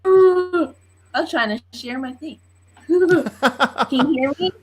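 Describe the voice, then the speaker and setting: A young woman with a very high, light voice, easygoing and quick to laugh as she chats on a live stream. She talks slowly and gently, and her laptop mic picks up a lot of echo from the room around her. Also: a crowd in the background. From Washington State, US. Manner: chatty, laughs easily, soft-spoken intro. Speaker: open mic performer. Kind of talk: casual chat on a live stream. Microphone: laptop microphone.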